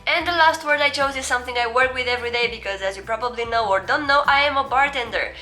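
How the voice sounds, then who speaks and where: With soft music in the background, a young woman from Romania hosts a casual language lesson, chatty and self-deprecating, in a Romanian accent. Her voice sits high with a sharp tone, and she reads foreign example words slowly in between explaining things.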